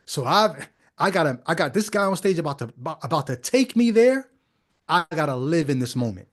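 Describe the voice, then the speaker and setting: A man's voice: fairly high pitch, very animated, fairly quick. Wry man commenting with sarcastic asides. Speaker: podcast host. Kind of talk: casual commentary.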